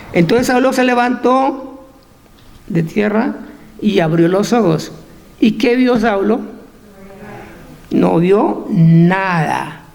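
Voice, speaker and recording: A man preaching a fervent sermon in a very high voice with a gravelly edge. He fires off rhetorical questions and briefly acts out the voices of Bible figures. The long reverb of a church hall trails behind every phrase. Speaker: pastor.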